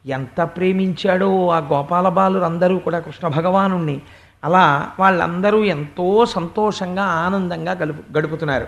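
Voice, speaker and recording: A man giving a devotional sermon and telling a story in an emphatic way, stretching words for emphasis. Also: sits high. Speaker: religious discourse speaker.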